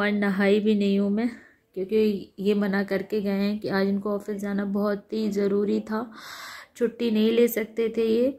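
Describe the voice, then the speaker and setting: A woman's voice: mid-range voice, darkish tone. Tired, sick woman vlogging from bed. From India. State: sick, recovering from fever. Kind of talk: casual vlog chat. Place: lying in bed at home under a blanket.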